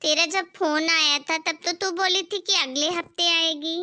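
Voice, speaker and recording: A woman voicing a bossy, stingy middle-aged mother-in-law in an amateur family skit, speaking slowly in a scolding, dismissive way. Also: extremely high pitch, steady tone, sharp tone, heavily acted. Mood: fussing.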